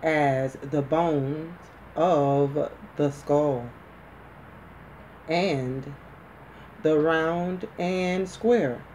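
A woman giving measured medical dictation for shorthand practice, deliberately, in short phrases with pauses between them. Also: low-pitched, darkish tone, a little hiss or hum. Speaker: dictation instructor.

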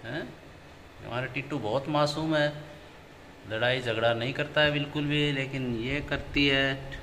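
A man's voice: medium pitch, fairly even intonation, unhurried, bright, forceful tone, in a large hall, a little hiss or hum. A man filming his pet parrots at home, talking to them in coaxing, sing-song baby talk. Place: inside a home.

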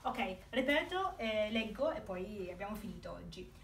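A woman teaching a lesson, saying each word slowly and repeating it, with her own pronunciation. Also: medium pitch, expressive, gravelly, recorded from a distance. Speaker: Arabic teacher. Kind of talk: slow language lesson. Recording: roomy, off-mic, faint hiss.

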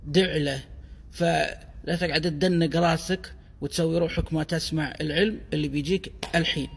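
A man with a Kuwaiti Gulf Arabic accent giving a deliberate, emphatic explanatory monologue in the manner of a language explainer. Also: a little high, steady tone, vocal fry, a little hiss or hum. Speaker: explainer of dialect words. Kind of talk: explanatory monologue on word origins. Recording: long reverberant echo.

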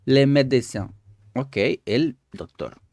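A man's voice: medium pitch, animated, slow pace, a little mellow, dry recording, clean studio sound. A young man hosting his channel, casually commenting and translating language-app stories aloud, thinking aloud with lots of fillers.

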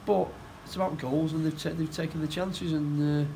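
A middle-aged man, a football manager, talks through a post-match interview indoors. His voice sits a little high, and he restarts and repeats words as he goes. A faint background hum runs under the recording. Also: fairly even intonation, creaky, dark tone, poor audio. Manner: halting, repeats words, plain-spoken. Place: indoor room by a stadium door.

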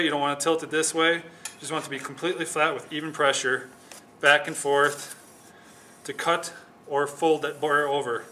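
In a spacious office with windows and a whiteboard, a young man teaches speed skate sharpening through a calm, step-by-step demonstration. His bright, fairly high voice comes from off-mic, echoing around the room, with a little hiss or hum in the distant recording.

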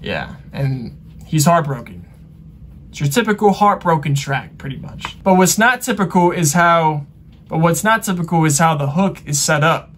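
A man hosting a reaction channel, casually explaining song lyrics in a relaxed way full of fillers. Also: a little high. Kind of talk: casual music reaction commentary.

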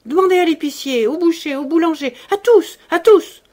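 A woman's voice: expressive, moderate pace, a little mellow. A woman voicing a strong old female servant who yelps and scolds in a rage. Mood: furious shouting. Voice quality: shrill, yelping. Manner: screaming and scolding.

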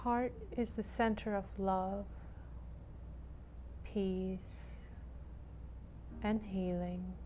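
Very slow, mellow woman guiding meditation. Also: medium pitch, steady tone, slight background noise. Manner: soothing, gentle, unhurried with long pauses. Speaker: guided meditation leader. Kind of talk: guided meditation.

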